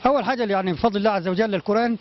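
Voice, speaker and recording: A man with an Egyptian accent answering interview questions, halting with many restarts and pious phrases. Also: sits high, dull audio. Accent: Egyptian Arabic. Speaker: community guest.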